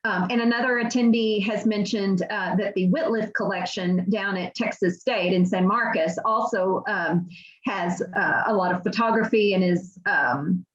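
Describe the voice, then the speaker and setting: A woman's voice: mid-range voice, normal speed. Hesitant woman moderator on a muffled call. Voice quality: hesitant, many ums and restarts. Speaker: event moderator. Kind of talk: reading out audience comments. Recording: dull lo-fi video call audio.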